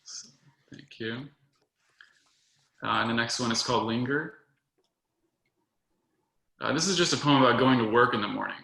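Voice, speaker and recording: Young man, poetry reader, measured and soft, bright and gravelly, roomy room sound. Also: medium pitch. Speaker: poet reading his work. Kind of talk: poetry reading. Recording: roomy echo.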